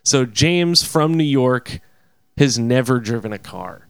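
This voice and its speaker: A young man telling a wild story in a casual, profane, animated way, often laughing between phrases. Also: mid-range voice, slow pace, clean tone, dry recording.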